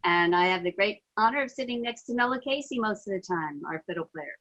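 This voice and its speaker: A woman's voice: medium pitch, animated, brisk, a bit bright, highs cut off. A woman with an American accent giving a casual introduction as a band guitarist. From Yonkers, New York.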